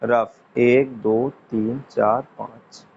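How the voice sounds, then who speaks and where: Man, casual classroom teacher, repeats words slowly, dull lo-fi sound, faint hiss. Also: mid-range voice, flat delivery, creaky, a little mellow. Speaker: English teacher.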